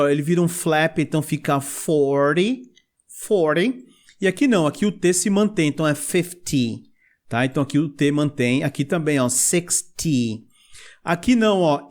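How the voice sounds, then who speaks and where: A man's voice: a little high, darkish tone. A man with a Brazilian Portuguese accent teaching a video lesson, explaining step by step and asking viewers to repeat after him. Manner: explains step by step, asks for repetition. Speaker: English teacher.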